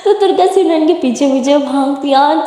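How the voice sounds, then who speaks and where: A woman's voice: high voice, dark tone. A woman narrating a romance story in a chatty, unscripted way, recorded in an echoey room. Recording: echoey room, long reverb.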